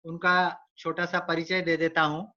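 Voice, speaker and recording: A man hosting an online literary event, introducing poets with measured, formal announcing. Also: on the high side, flat delivery, bright, forceful tone. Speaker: host. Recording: dull lo-fi online audio.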